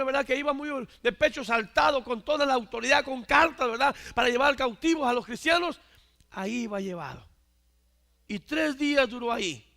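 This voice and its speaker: A male preacher delivering a sermon, emphatic, swinging from loud declarations to hushed asides and often asking his listeners for agreement. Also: extremely high pitch, vocal fry. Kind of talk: Spanish-language church sermon.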